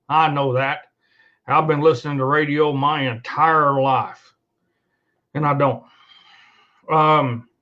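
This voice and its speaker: Sitting indoors at a computer, a man with a slightly high voice delivers an unscripted rant to camera for his own online show. He's blunt, profane and emphatic, repeating his points to drive them home, and the sound is dull and lo-fi.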